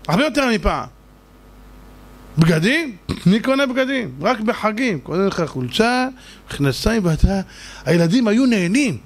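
A man, a rabbi, giving an animated sermon that swings between loud outbursts and low, slow stretches.

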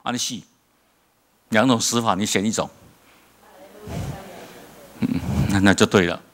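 Low-voiced Taiwanese Mandarin preacher, lively. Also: male voice, unhurried. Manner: lively storytelling preacher, asks rhetorical questions, chuckles at own jokes. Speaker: pastor. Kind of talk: sermon. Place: church.

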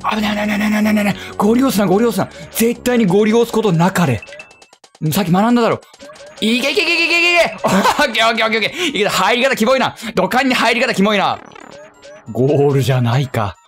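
A young man from Kyushu commentating a video game he is playing, talking to himself, muttering, and yelping in excitement. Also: sits high, fast talker, soft background music. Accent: Kyushu Japanese. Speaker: game streamer. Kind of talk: let's play commentary.

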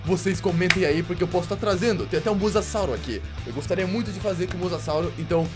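A man's voice: high-pitched, very fast, over music. A young Brazilian man with a Brazilian Portuguese accent, hosting jokey, slangy gameplay commentary and taunting the fish he plays against. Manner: excitable, jokey, slangy, talks to the game fish. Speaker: gaming YouTuber.

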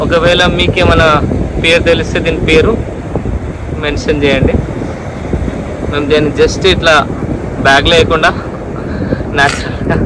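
On a rocky seashore at night, a fishing vlogger from Telangana casually narrates his outing, his voice sitting on the high side. He's excitable and slips into English phrases as he talks. The outdoor camera audio picks up wind and surf noise.

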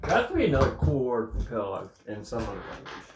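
A man's voice: mid-range voice, huge pitch swings, fairly quick, far from the mic, noisy background. Rambling man vlogging from his bedroom. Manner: rambling, talks while eating. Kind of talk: casual vlog chat. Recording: roomy echo, a little off-mic.

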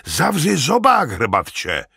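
A man's voice: low-pitched, expressive, a bit bright, slightly rough, no room sound, clean studio sound, heavily acted. A man playing an arrogant, bullying young warrior who speaks harshly. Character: brutish arrogant young warrior, chieftain's son.

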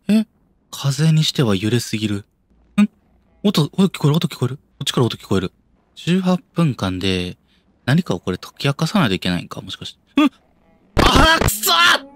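A young man with a Kansai accent plays through a horror game, keeping his voice low and then yelping when startled. His pitch swings all over the place. The sound is dry and close, with no room echo. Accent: Kansai Japanese. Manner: jumpy, yelps and mutters to himself, talks himself down. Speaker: game streamer.

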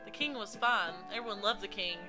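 A woman's voice: medium pitch, fairly quick, music in the background. A woman hosting a let's play, chatting casually and giggling as she gushes about the game. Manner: giggly, gushing fan chatter. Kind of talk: casual gameplay commentary.

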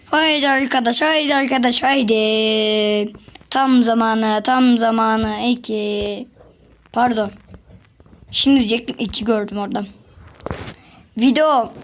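Excitable high-voiced woman narrating gameplay. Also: slow, pauses often. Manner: excitable, repeats words, chatty with other players. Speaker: gaming channel host. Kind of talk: casual gameplay commentary.

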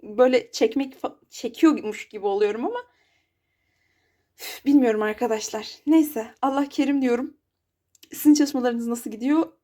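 A woman's voice: fairly high pitch, moderate pace, pauses often, warm tone. A young woman talking casually in a study vlog, chatty and frustrated with herself. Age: young adult. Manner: chatty, frustrated, self-deprecating. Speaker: exam student vlogger.

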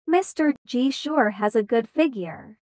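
Woman acting flustered romance-comic heroine, young, high-pitched, measured pace, close dry sound. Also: lively intonation, darkish tone, no room sound. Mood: musing. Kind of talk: dubbed comic dialogue.

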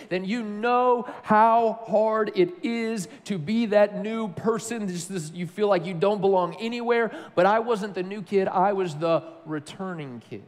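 A man from Tennessee preaching a sermon, telling a personal story in a conversational, animated way. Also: high-pitched, big-room sound. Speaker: pastor.

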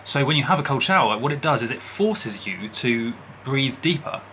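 A man's voice: medium pitch, expressive, moderate pace, pushed and bright, slight background noise. A man in his twenties giving casual, explanatory health advice straight to camera in a bedroom, informally checking in with the listener as he goes. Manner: informal, explanatory, frequently checks in with "right?" and "okay?". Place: small bedroom, indoors. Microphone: camera at arm's length on a desk.

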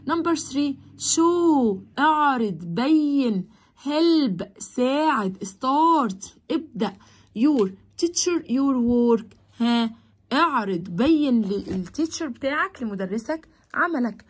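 A woman with an Egyptian Arabic accent, teaching a primary school English lesson and stretching out the English words slowly between her Arabic explanations. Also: high-pitched, expressive, husky.

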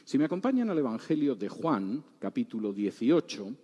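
A man in his sixties from Spain with a Spanish accent teaches the Bible and retells its scenes in lively everyday speech. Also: mid-range voice, normal speed, husky. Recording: reverberant hall.

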